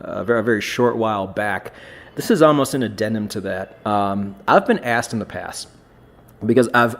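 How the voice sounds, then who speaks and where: A fairly low-pitched man talking as a podcast host. He speaks bluntly and casually, swears freely and often restarts his phrases.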